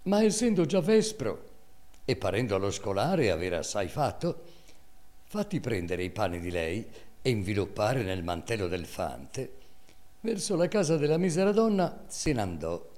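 A man giving a dramatic, measured reading of classic prose. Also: fairly low pitch. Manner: expressive, measured storytelling. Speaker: reader.

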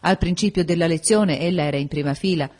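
A woman narrates a classic novel for an audiobook. Her voice sits low with a husky, breathy grain, and her telling stays measured and even throughout.

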